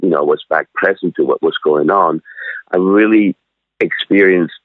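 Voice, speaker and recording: An older man in his sixties, born in Switzerland, tells his story in a halting way full of restarts. His voice sits very low. The sound comes through a thin, tinny phone line with no room around it. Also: no room sound. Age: 60s. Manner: halting, many fillers and restarts. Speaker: cafe owner, guest. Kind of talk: casual interview storytelling.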